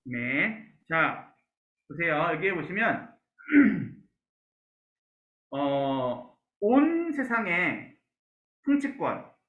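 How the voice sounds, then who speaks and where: A male pastor with a rather high, sing-song voice leads an online Bible class, speaking extremely slowly with frequent pauses. He sprinkles in "so" and "yes" fillers and asks the class questions, all on a roomy, dull lo-fi recording.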